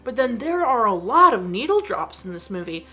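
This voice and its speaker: A woman's voice: fairly high pitch, sing-song, moderate pace, bright, forceful tone, faint music behind. A woman hosting her own show, giving a chatty, enthusiastic movie review full of "like.". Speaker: host.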